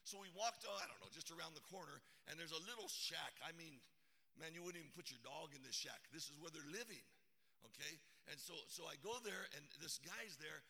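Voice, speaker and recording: A man's voice: fairly high pitch, fairly quick, vocal fry, bright, forceful tone, big-room sound. A middle-aged man from Arizona preaching a sermon, retelling a story dramatically with sound effects. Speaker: pastor.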